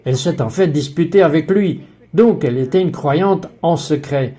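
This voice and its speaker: An earnest woman guest tells her story, voiced by a man in a French dub. The voice sits fairly high with a soft, mellow tone. It is delivered as a calm, steady voice-over. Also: moderate pace, lightly acted. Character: woman guest on a faith talk show.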